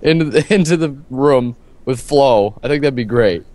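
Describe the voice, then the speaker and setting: A young man in a casual gaming chat over a voice call, excitable and laughing a lot. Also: mid-range voice, moderate pace.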